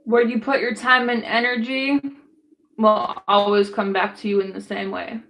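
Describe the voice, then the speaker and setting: A young woman streaming live, talking bluntly and casually with lots of swearing and slang, hoarse and clearing her throat as she loses her voice. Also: a little high, flat delivery, moderate pace, a bit bright, slight background noise, rough recording. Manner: blunt, profane, laid-back slang. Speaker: tarot streamer. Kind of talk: casual livestream chat.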